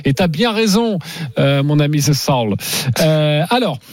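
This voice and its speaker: A man's voice: a little high, animated, moderate pace, no echo. A man hosting a radio show in casual chat, talking with lots of fillers. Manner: chatty, hesitant with many fillers. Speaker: radio sports betting show host.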